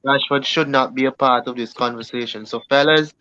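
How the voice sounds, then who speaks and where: A man's voice: medium pitch, fairly even intonation, fairly quick, pushed and bright, no room sound, highs cut off. A man hosting a casual football podcast, reading out viewer comments in a laid-back way.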